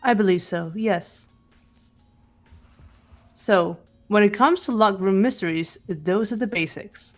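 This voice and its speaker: A woman's voice: mid-range voice, faint music behind, natural voice. Woman playing a composed, analytical girl detective, Kyoko Kirigiri. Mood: calm, analytical. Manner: deliberate, precise, lecturing delivery. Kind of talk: fan voice-over of a mystery visual novel.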